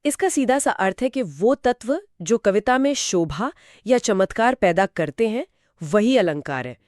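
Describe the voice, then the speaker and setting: Woman, exam lesson explainer; even, clear, patient; dry close mic. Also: medium pitch, measured pace, no room sound. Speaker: co-presenter explaining grammar. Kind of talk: scripted two-voice exam lesson.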